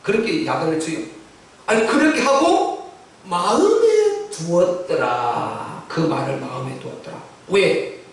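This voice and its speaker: A male pastor preaching a sermon, telling the story with animated delivery and acting out the lines of the people in it. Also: on the high side, moderate pace. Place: church sanctuary. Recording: echoey church hall from far off.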